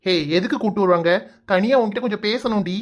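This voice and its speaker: A woman's voice: mid-range voice, fast talker, close to an everyday voice. A woman voicing a teasing, exasperated young man in a cartoon, with a Kanyakumari Tamil accent, coaxing and playfully scolding. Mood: pleading. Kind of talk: cartoon voice acting.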